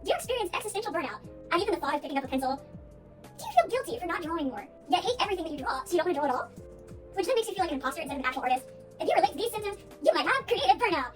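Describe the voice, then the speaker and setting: A woman putting on the voice of an overexcited infomercial announcer, rattling off a breathless rapid sales pitch. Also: sing-song, recorded from a distance, over music. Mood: salesy.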